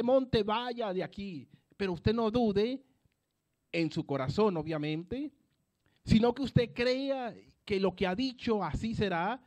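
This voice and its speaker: A man preaching a sermon at an evangelistic campaign, emphatic and repeating his phrases, swinging between loud declarations and soft asides. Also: sits high.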